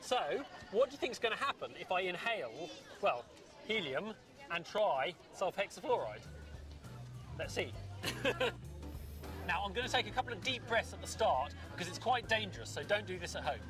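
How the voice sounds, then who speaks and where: A man presenting a science demonstration, explaining it lively and quizzing his audience. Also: sits high, normal speed, distant mic, music in the background.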